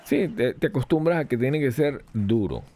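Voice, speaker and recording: A man's voice: mid-range voice, lively intonation, moderate pace, mellow, a faint crowd. A man hosting a podcast, giving a casual, rambling hands-on review of a mixer and testing it aloud. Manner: rambling, chatty, tests gear aloud.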